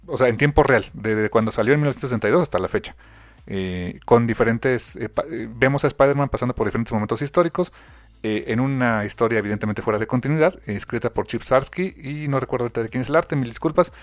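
A man hosting a comics podcast, chatting casually and rambling through filler pauses. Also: mid-range voice, no echo, soft background music. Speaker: podcast host. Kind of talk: casual chat.

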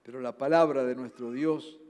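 A man with a Rioplatense Spanish accent preaching a sermon. He urges his listeners earnestly, rising loud and then dropping to soft, low passages. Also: steady tone, normal speed. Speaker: pastor. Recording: long hall reverb.

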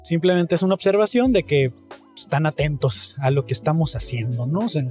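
High male voice, slangy, casual street podcast host, music behind. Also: brisk. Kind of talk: casual street interview and banter. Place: outdoors on a street, seated at a podcast setup. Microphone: podcast microphone with headphones.

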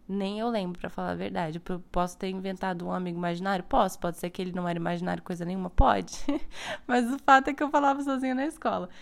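Young woman, Brazilian Portuguese accent, casual vlog chat, playful, mid-pitched voice. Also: gravelly. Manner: chatty and playful, frequent "né?" asides. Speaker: spiritual content creator. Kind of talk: casual spiritual vlog monologue.

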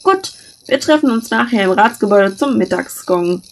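A woman's voice: on the high side, animated, normal speed, soft background music. A woman reading aloud and voicing a mischievous young woman who teases her friend with dry, mocking banter.

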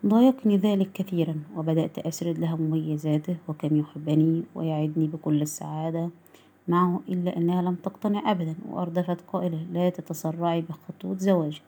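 Woman narrating with a low, warm voice. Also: steady tone, fast talker. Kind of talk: storytelling narration.

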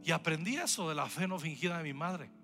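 A man preaching a lively sermon to his congregation. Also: fairly high pitch, quick pace, music in the background. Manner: lively preaching with acted-out quotes. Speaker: pastor.

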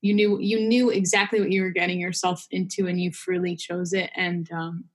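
A woman's voice: on the low side, little pitch movement, moderate pace. Chatty young woman hosting a podcast. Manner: warm-hearted, lots of fillers like "um" and "you know". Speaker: podcast host. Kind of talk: casual faith podcast chat.

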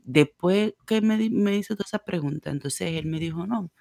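A man co-hosting a casual podcast, telling animated anecdotes about his driving shifts and slipping in English phrases. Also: high-pitched, a little fast, vocal fry, no echo, clean studio sound. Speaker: podcast co-host and driver. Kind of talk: casual storytelling.

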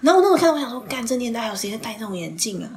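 A young woman, hosting a podcast and telling a story in casual chat, animated, swearing casually and dropping into whispered asides. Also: fairly high pitch, rapid-fire, a little hiss or hum. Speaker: podcast host.

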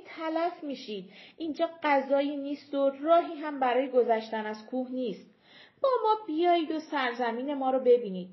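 A woman's voice: high voice, muffled recording, pitched above the performer's own voice. A woman voicing a coaxing giant leader. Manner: coaxing, persuasive. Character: giant leader coaxing tiny folk, smooth persuasive man.

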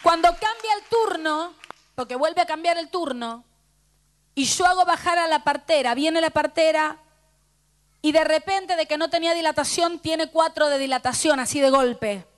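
A woman's voice: sits high, moderate pace. A middle-aged woman pastor with a Rioplatense Spanish accent, fervently telling a personal testimony in a sermon and quoting the people in it. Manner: fervent storytelling, quoting dialogue.

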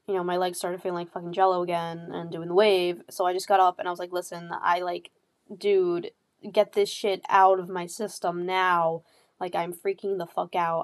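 A young woman hosting a podcast, candidly telling a personal story in casual, profane speech full of fillers. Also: on the low side. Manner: candid, heavy swearing, lots of fillers. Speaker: podcast host.

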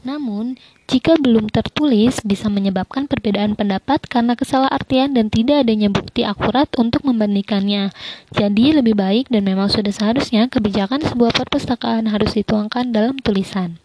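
Young woman reading answers, slightly high. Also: dark tone, slight background noise, low-quality recording. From Indonesia. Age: young adult. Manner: measured, careful recitation with occasional slips. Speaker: university student presenting coursework. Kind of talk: reading prepared answers aloud.

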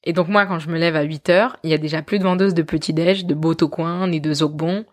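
A woman hosting a podcast, telling her story in a lively, self-mocking way and often laughing. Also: sits low, brisk. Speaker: podcast host.

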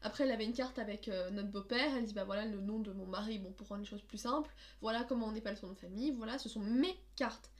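Fast-talking young woman podcast co-host. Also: medium pitch. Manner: animated, slangy, quick storytelling. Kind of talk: casual storytelling chat.

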